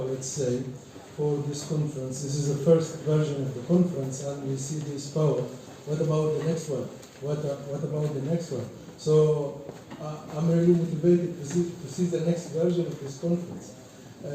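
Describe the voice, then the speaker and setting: A man in his forties from Egypt gives halting, formal remarks as an invited keynote speaker at a conference, with many fillers and repeated words. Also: fairly high pitch, warm tone. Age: 40s. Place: large echoey conference hall. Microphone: distant from the microphone. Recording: echoey hall from far off, faint noise.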